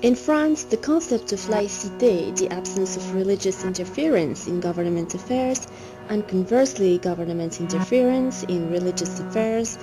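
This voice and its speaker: Female documentary narrator, measured scripted read, music bed behind. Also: mid-range voice. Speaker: documentary presenter.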